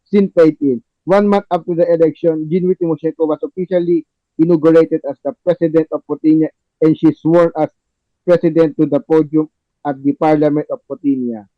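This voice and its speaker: This podcast host, a man with a fairly high, steady voice, narrates a play reading and talks with the cast, his non-native phrasing halting and repetitive. The sound has no echo but is phone quality.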